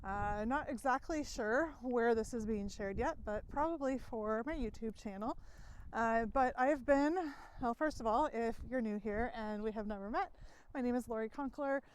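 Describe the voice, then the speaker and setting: A woman's voice: fairly high pitch, moderate pace, clean tone. A middle-aged woman coaching in a loose, casual vlog recorded outdoors while walking, a little out of breath, with fillers and small laughs. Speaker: success coach. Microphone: headphone mic, then phone mic.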